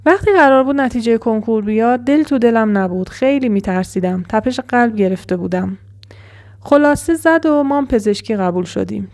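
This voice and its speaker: A woman narrating a first-person horror story in an even, measured way as storyteller. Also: a little high.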